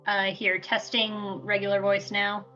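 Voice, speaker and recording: A woman's voice: medium pitch, monotone, measured pace, sharp tone. Slightly dull-sounding woman co-host on voice chat. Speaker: stream co-host. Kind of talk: casual chat. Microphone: voice chat call. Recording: band-limited voice chat, music behind.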